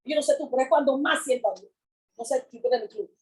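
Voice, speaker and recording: Woman, high voice, fervent sermon, repeats phrases, loud then hushed. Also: fast talker, poor audio. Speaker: preacher.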